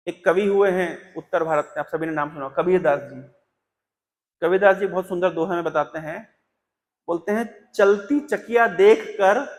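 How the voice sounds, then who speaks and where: A man with a high voice giving a scripture class, telling stories and pausing to recite couplets slowly and with care. His voice carries a long reverb from a temple hall. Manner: storytelling, quotes couplets slowly and deliberately. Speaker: Bhagavatam class speaker. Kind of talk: Hindi scripture class talk.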